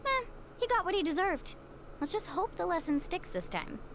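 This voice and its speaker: A woman voicing a bright, encouraging young woman in a video game, reassuring and upbeat. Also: very high-pitched, lively intonation, moderate pace, a little hiss or hum.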